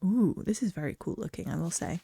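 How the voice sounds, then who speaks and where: A woman's voice: fairly low pitch, lively intonation, fairly quick, vocal fry, warm tone, slightly rough, no room sound, clean studio sound. A woman giving emotional, reactive let's play commentary as she plays. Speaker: game streamer.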